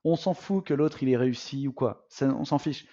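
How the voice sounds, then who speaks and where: Animated French coach with a dull lo-fi sound. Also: male voice, medium pitch, normal speed. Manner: animated, addresses audience as "les amis", many fillers. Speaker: business coach. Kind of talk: live online masterclass.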